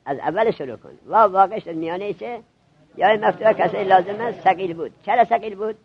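A man teaching a classroom grammar lesson to seminary students, drilling them with quick questions. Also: sits high, creaky, lo-fi sound, a crowd in the background.

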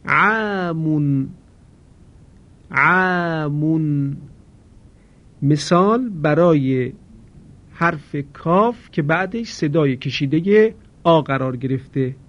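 A man teaching Quran recitation, explaining pronunciation rules and drawing out example words slowly and deliberately. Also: a little high. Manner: slow, deliberate, drawn-out demonstrations of words. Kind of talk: tajweed lesson. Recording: dull lo-fi recording.

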